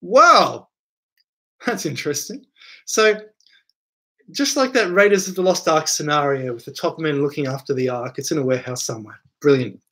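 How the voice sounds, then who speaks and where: A man's voice: on the high side, a little fast, fairly bright tone. A man hosting a casual live stream, reading viewer questions from chat aloud and answering them in a rambling way, repeating words and using lots of fillers.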